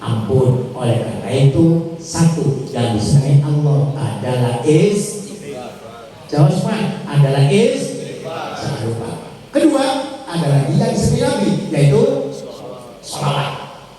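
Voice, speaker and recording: Older preacher, lively high voice, echoey. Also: male voice, unhurried, long pauses. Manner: storytelling preacher, acts out dialogue in shifting voices, chants Arabic prayers. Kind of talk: sermon. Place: large outdoor religious gathering. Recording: echoey hall sound from far off.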